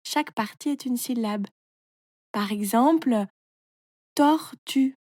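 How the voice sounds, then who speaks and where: A woman voicing a wise, calm female caterpillar who referees a race and patiently explains things. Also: a little high, normal speed, no echo, clean studio sound, close to an everyday voice.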